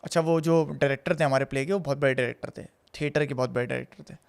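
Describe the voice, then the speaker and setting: A man, a host and theatre actor, telling a personal story in an animated, casual way and slipping English phrases into his talk. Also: medium pitch, racing, creaky, clear, resonant tone.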